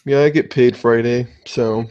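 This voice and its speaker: A young man hosting a casual podcast, chatting excitedly and swearing often. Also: medium pitch, unhurried, highs cut off. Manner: excitable, swears a lot, animated. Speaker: podcast host.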